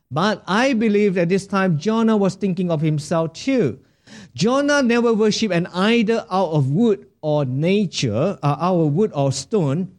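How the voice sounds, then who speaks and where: A man preaching a sermon as pastor, asking the congregation rhetorical questions in a deliberate way. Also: sits high, a little mellow.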